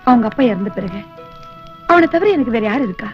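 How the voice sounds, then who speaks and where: An actress playing a middle-aged wealthy widowed mother in a film, soft and earnest. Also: a little high, lively intonation, a little fast, close to an everyday voice. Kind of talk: film dialogue. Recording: dull lo-fi film soundtrack with faint music.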